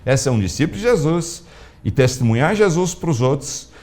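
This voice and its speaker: A man preaching a sermon as a pastor, telling a story with animated, acted-out dialogue. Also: moderate pace. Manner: animated storytelling, acting out dialogue with big pitch swings.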